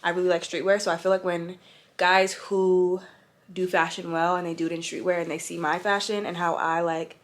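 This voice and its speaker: A woman's voice: on the low side, normal speed. A young adult woman talking casually to camera in a fashion vlog, chatty and slangy, speaking straight to her viewers. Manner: chatty, slangy and relaxed, addresses viewers directly. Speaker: fashion influencer.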